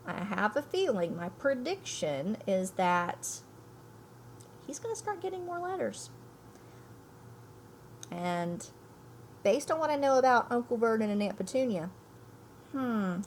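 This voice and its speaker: An elementary school teacher with a mid-range voice reads a storybook aloud and explains it. She is emphatic, thinks aloud, and poses questions to her listeners. Faint background noise is heard.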